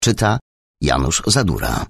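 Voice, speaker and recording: Expressive gravelly male audiobook narrator. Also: very deep voice, a little slow, no echo, studio quality. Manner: expressive, animated reading. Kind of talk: scripted narration.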